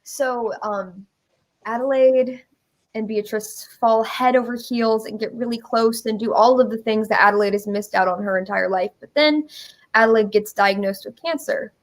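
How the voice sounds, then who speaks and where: A woman appears as an interview guest presenting a musical, telling a story in a casual, informal chat and giggling as she goes. Her voice is a little high and her speed normal.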